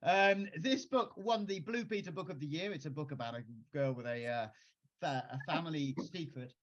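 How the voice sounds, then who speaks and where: A man's voice: a little high, moderate pace, highs cut off. A man, a children's author, talking casually on a video call and performing his own songs and raps at a piano. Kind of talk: casual talk with singing and rapping. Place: at a piano, home. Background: piano music.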